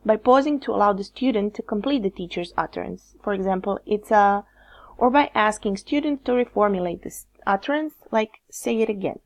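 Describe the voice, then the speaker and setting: A woman with a Croatian accent, a teacher trainer giving measured, scripted narration that explains how to correct students. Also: mid-range voice. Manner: measured, explanatory, reads examples aloud.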